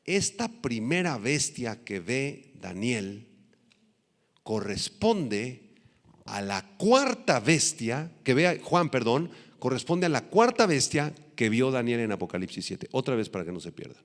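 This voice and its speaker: Animated male pastor preaching in a reverberant hall. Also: medium pitch. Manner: animated preaching, rising loud on emphasis, slows to stress words; teacherly, spells out terms and tells listeners to note them. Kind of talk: sermon.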